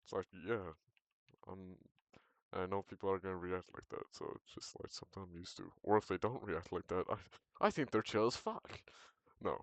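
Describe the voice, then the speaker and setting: Teen boy with a very low, gravelly voice, loose rambling gamer chat, dry close sound. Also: normal speed, no echo. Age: teens. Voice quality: very deep voice. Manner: rambling, hesitant, self-correcting. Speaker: gaming vlogger. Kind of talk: casual chat while gaming.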